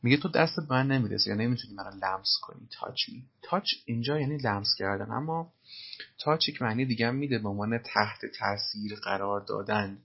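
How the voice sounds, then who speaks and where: Male teacher, low husky gravelly voice, slightly muffled audio, patient step-by-step explanations. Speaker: language teacher. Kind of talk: explaining film dialogue.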